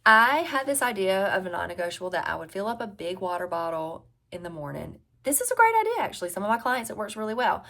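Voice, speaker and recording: At medium pitch, her voice is bright and forceful, very animated and quick, with vocal fry and hardly any pauses. She's a health and weight-loss coach in her forties with a Southern US drawl, casually advising viewers and repeating key phrases for emphasis.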